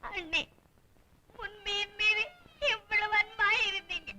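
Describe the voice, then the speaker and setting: An actress playing a meek, tearful young sister in a 1950s film drama, speaking timidly and plaintively. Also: female voice, very high voice, steady tone, slow, sharp tone, exaggerated voice.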